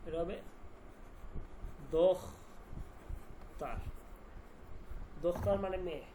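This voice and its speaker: A man's voice: high voice, expressive, a little slow. Guy teaching a farsi class, says each word over and over then asks what it means, bit of background hiss. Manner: repeats words and drills meanings with questions. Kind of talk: online language class.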